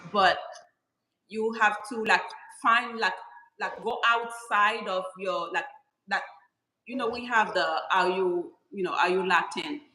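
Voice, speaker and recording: A Haitian woman, a guest YouTuber, chats casually on a live-stream video call, rambling and filling her speech with "like" and "you know." Her voice is mid-range, a little slow and sharp in tone, in an echoey room with faint hiss.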